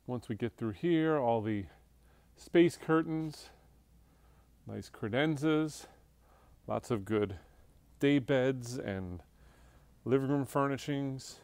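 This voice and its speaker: Off screen behind a handheld phone camera, a smooth-voiced man on the auction house staff leads a casual preview walkthrough of a big indoor showroom crowded with furniture. His voice sits in the mid-range with a darkish tone, and the recording is dry. He lists items offhandedly as he walks.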